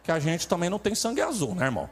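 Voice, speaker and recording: A Brazilian man preaching a humorous sermon and rattling through his stories at speed. His slightly high voice leaps around in pitch as he acts out the people in them, keeping the delivery animated from line to line. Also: very fast. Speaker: traveling pastor.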